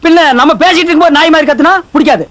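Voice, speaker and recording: An actor playing a bickering village man who fires off quick, mocking retorts in film comedy. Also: extremely high pitch, very noisy.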